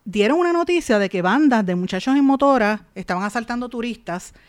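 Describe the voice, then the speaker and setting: A woman's voice: a little high, sing-song, fast talker. A woman host with a Puerto Rican Caribbean Spanish accent, delivering conversational commentary straight to her listeners and often putting rhetorical questions and tag questions to them. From Puerto Rico. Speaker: radio or podcast host and columnist.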